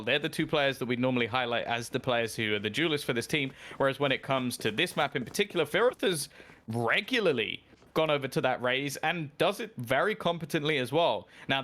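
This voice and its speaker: A man's voice: mid-range voice, brisk. A man casting an esports match, breaking down team picks and calling plays, voice rising during big moments. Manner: analytical, rises sharply in excitement during plays. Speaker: esports caster. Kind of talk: esports commentary.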